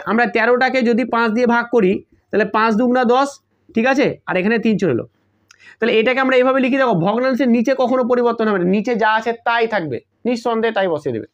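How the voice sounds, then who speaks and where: Math tutor, man with a high voice, patient step-by-step explainer, dull lo-fi recording. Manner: explains step by step, repeats key terms, checks "got it?" often. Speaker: math teacher. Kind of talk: online exam-prep math lesson.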